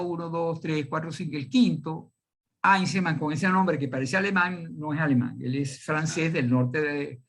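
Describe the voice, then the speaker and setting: Older Venezuelan professor, halting and digressive. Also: male voice, fairly high pitch, fairly bright tone. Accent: Venezuelan Spanish. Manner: digressive, many fillers and restarts. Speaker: law professor. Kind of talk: online university lecture.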